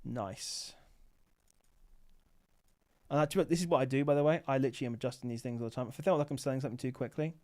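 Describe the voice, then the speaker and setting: Here a sleepy Amazon seller hosts a livestream late at night, talking casually and thinking aloud, his speech full of fillers and his weariness obvious. He has a mid-range, slightly mellow voice and talks quickly, though he pauses often.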